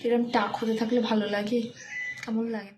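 Young woman with a croaky broken voice, chatty vlog into her phone, faint hiss behind. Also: on the high side, level tone, a little mellow. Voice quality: rough, cracking voice. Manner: halting, stumbling over words. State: hoarse, voice gone rough. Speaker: vlogger. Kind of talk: casual daily vlog talk.

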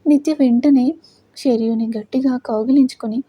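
A woman narrating an audio love story in a steady, dramatic storytelling manner. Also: high voice, moderate pace, slightly rough, no room sound.

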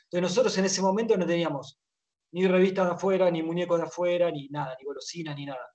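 A man's voice: high voice, fairly even intonation, quick pace, a little mellow, dull audio. A man in his thirties from Argentina with an Argentine accent, a guest on a video call on a headset, explaining things and checking that he is understood. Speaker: guest author. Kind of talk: casual video-call interview. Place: home room with toy shelves.

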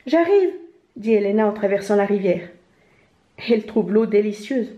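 A woman reading a children's picture book aloud in a gentle storytelling manner. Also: medium pitch, little pitch movement, moderate pace. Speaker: storybook reader. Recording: roomy, slightly dull home recording.

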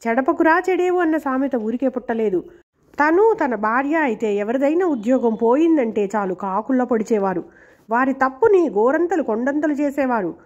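A woman reading a novel aloud in a steady, expressive storytelling voice. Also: sits high, moderate pace. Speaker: audiobook reader. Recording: dull lo-fi recording.

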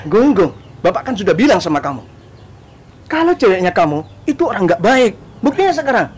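A man's voice: high-pitched, sing-song, a little fast, slightly rough, full character voice. A man playing a stern father who scolds the husband and his own son. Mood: scolding. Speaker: the lover's father. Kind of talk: amateur village drama acting.

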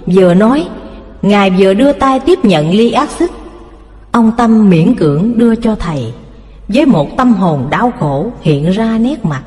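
A woman's voice: mid-range voice, expressive, unhurried, a little mellow, big-room sound. A woman narrating a story expressively, reading out the characters' lines. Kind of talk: scripted narration.

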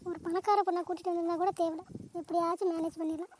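A woman voicing a nagging cartoon mother, very high. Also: level tone, rapid-fire, darkish tone, a little hiss or hum. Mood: lamenting. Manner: nagging, melodramatic. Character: scolding, wailing middle-aged mother. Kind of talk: cartoon family drama voice acting.

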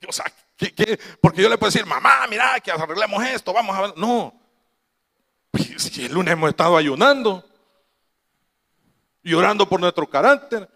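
A man preaching to his congregation in a high voice, with lots of reverb trailing after each phrase. He tells stories and acts out the people he quotes, with laughing asides in between. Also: animated, moderate pace, vocal fry, long pauses, bright, forceful tone. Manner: storytelling, quoting his mother, laughing asides. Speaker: pastor. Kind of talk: sermon.

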